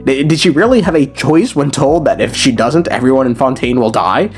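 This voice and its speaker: A man talking through video game lore in a relaxed, conversational commentary. His pitch rises and falls expressively as he makes his points, and faint music plays in the background. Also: fairly quick. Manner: conversational and animated, with slangy asides.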